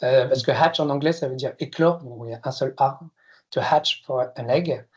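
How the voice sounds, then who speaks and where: A French consultant in his fifties gives a masterclass talk to an audience in a mid-range, darkish, slightly rough voice at a moderate pace, with dull audio. His delivery is hesitant, filled with filler sounds and self-deprecating humor.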